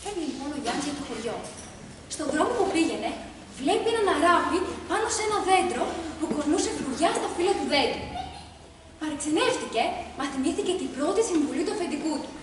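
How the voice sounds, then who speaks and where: An expressive woman storyteller reads a folk tale aloud and now and then addresses her listeners directly. Her high, lively voice sounds far from the mic in a very echoey hall with background noise.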